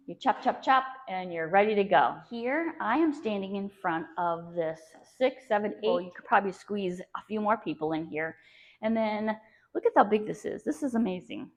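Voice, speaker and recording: A woman's voice: medium pitch, expressive, moderate pace. A woman real estate agent gushing chattily through a casual walk-through tour of a house as she moves from room to room. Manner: gushing, chatty sales talk. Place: indoors, walking through a house. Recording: dull, lo-fi sound.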